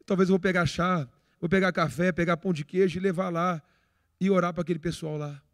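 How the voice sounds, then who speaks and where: A man's voice: high voice, brisk, dry recording, clean studio sound. A middle-aged Brazilian man preaching a sermon, telling stories animatedly and acting out the dialogue. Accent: Brazilian Portuguese. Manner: animated storyteller, acts out dialogue, frequent restarts. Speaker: pastor. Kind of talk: sermon with personal storytelling.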